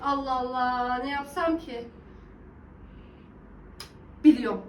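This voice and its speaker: A woman voicing a brash, short-tempered young woman in a comedy sketch, using rough slang and threats. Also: sits high, slow, background noise.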